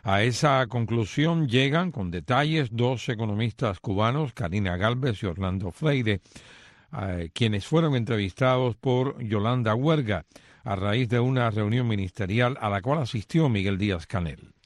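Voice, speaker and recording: A man anchoring a radio newscast, introducing reports in a measured, formal way. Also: medium pitch, dry recording, clean studio sound. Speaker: news anchor. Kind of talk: radio news presenting.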